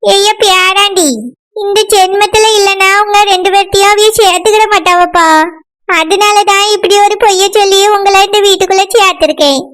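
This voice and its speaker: A woman voicing an old grandmother in a cartoon who speaks slowly and affectionately. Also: extremely high pitch, fairly even intonation, fairly bright tone. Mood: coaxing. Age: older. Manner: slow, drawn-out, affectionate. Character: slow, doting old grandmother.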